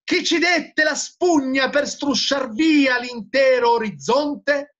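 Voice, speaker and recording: A man's voice: very high-pitched, lively intonation, slow pace, bright, forceful tone, pitched above the performer's own voice, full character voice. A male teacher reading aloud as a frantic madman who cries out in anguished declamation, on a dull lo-fi recording. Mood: anguished shouting. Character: frantic male madman crying out that God is dead.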